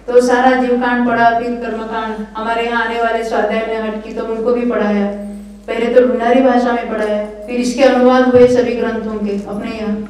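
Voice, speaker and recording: Older woman, scripture teacher, mellow higher voice, earnest lecture, echoey hall. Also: level tone, brisk, a little hiss or hum. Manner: earnest, encouraging, often asks "right?". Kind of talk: lecture at a religious study camp. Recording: echoey hall, voice from far off the mic.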